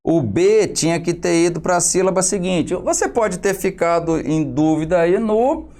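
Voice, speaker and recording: Lively slow-talking Brazilian teacher, man. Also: sits high. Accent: Brazilian Portuguese. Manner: tag questions after nearly every phrase, explanatory. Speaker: exam prep teacher. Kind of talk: solving exam questions for students.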